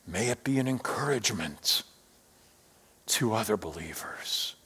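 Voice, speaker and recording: A male pastor delivering a sermon, swelling loud and dropping to hushed, almost whispered phrases. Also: on the low side, lively intonation, a little slow, breathy edge, long reverb tail. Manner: swells loud then drops to near whisper. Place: church sanctuary.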